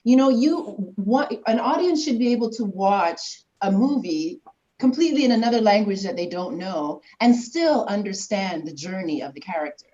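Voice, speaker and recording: A woman's voice: mid-range voice, animated, normal speed, warm tone, muffled recording. A woman on an online panel giving actors earnest, emphatic advice, with many fillers.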